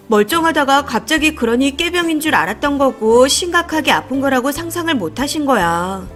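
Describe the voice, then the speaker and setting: A woman voicing a dismissive, defensive husband. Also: high-pitched. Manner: dismissive, lecturing.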